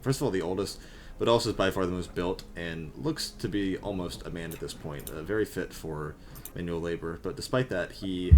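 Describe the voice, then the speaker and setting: A man with a deep voice runs a tabletop game, describing scenes loosely and with lots of fillers. He sounds unscripted and easygoing. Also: a little fast, a little hiss or hum. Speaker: game master.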